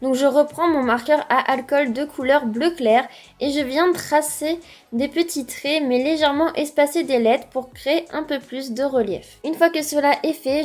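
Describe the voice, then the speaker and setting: High-voiced woman talking through a drawing. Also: a little mellow. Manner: chatty, explains each step. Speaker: drawing tutorial host. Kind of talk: friendly how-to narration.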